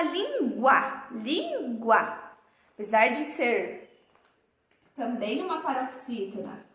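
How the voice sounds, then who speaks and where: A woman teaching a primary school class, slowly sounding out words and calling her pupils dear. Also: high-pitched, fairly bright tone, reverberant. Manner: slow, drawn-out sounding of words for children; affectionate, calls pupils dear. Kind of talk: remote class lesson.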